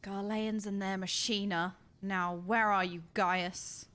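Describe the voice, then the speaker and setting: A woman livestreaming a video game with playful, excitable commentary and exaggerated reactions. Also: mid-range voice, slow. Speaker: streamer playing a video game. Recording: game music behind the voice.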